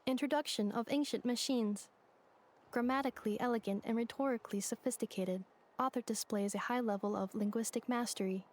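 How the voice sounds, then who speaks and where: A woman's voice: on the high side, fairly even intonation, fairly quick, a little mellow, slight background noise, close to an everyday voice. A woman voicing a polite female robot housekeeper in a video game, speaking in clipped, formal, machine-like announcements. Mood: dutiful, deadpan. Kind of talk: video game character voice lines.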